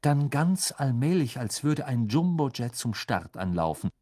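A man narrating an audiobook in a lively, expressive reading style. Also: medium pitch, measured pace. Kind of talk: scripted narration.

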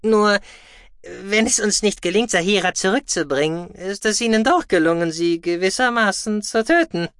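A man voicing a calm, dryly humorous male space commander in an audiobook. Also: clear, resonant tone, dry recording, studio quality. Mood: concerned. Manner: calm, measured, lower. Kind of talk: audiobook reading.

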